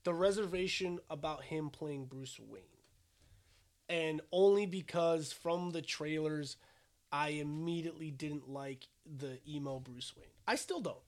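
Brief: high-pitched young male podcast co-host, opinionated, swears, casual banter. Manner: opinionated, swears freely, quick asides. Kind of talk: casual chat.

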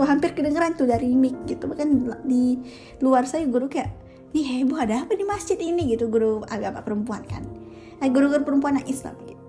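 Chatty high-voiced woman telling a story. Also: dark tone. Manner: chatty, with frequent self-corrections and fillers. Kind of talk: casual spoken storytelling.

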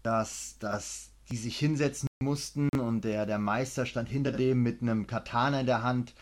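Blunt martial arts coach, man, mid-pitch voice, lively storyteller who swears a lot. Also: moderate pace, a little hiss or hum. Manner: animated, acts out both sides of a story, swears freely; gets loud when worked up. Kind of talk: casual storytelling in a podcast interview.

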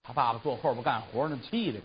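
A man telling a traditional story in a lively, colloquial way, with asides to the audience. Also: mid-range voice, fast talker, highs cut off, slight background noise. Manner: animated, colloquial, conversational asides.

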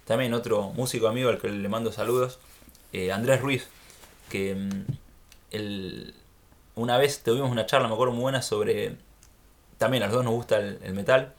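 A man with an Argentine accent, hosting a relaxed conversation. He talks in a reflective, unhurried way and laughs often. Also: lowish voice. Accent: Argentine Spanish. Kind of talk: casual chat.

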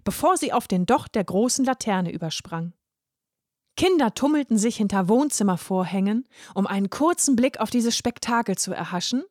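A woman narrates a comic short story with a playful, expressive delivery. Her voice sits a little high, and the recording is close and dry with no room sound. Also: no echo.

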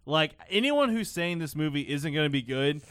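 A young man hosts a laid-back film podcast in a slightly high voice, sliding between excitement and filler words. He swears freely. The sound is dry and close. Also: moderate pace, clear, resonant tone, dry recording. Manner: excitable, swears a lot, lots of "like". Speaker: podcast host. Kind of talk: casual chat.

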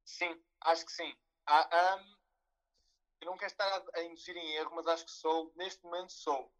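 A man with a European Portuguese accent speaks in a bright, fairly high voice. He is a guest in a casual chat, hesitating and rambling as he explains things with mock seriousness. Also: little pitch movement, moderate pace, poor audio. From a village near Leiria, Portugal. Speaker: podcast guest calling in.

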